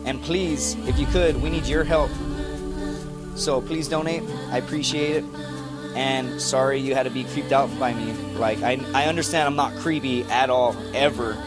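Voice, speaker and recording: A young man telling a story to camera in an animated, profane way, calling the listener "dude" over and over. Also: medium pitch, moderate pace. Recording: echoey room with music behind.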